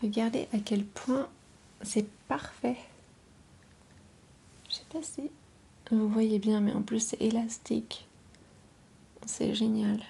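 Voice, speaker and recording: A woman speaking softly in an ASMR style, drifting into whispers, her voice hoarse and husky from a cold, with a gentle, unhurried manner. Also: fairly high pitch, fairly even intonation, slight background noise. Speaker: ASMR video host.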